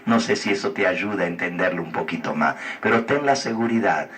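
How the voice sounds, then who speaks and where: A man's voice: deep voice, fairly quick, fairly bright tone, distant mic. A man teaching the Bible, answering a viewer's question in an earnest, persuasive way and asking rhetorical questions. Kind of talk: explanatory religious talk.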